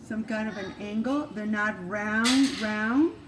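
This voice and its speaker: In her home kitchen, an older woman from Cuba with a mid-range voice speaks slowly, demonstrating a dish and sharing her life story in a warm, instructive way full of restarts. Spanish is her first language, her accent Cuban, and background noise hums steadily.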